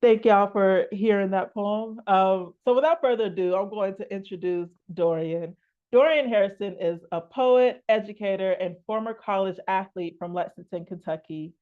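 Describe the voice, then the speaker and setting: A woman's voice: medium pitch, phone-quality sound. Chatty woman hosting an online reading. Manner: relaxed, chatty, with fillers. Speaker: reading series host. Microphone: video call.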